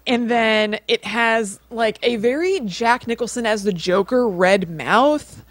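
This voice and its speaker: Slow and somewhat high-pitched, a woman co-hosting a podcast relates stories in a relaxed, informal manner, leaning on "like" frequently. There's no room sound.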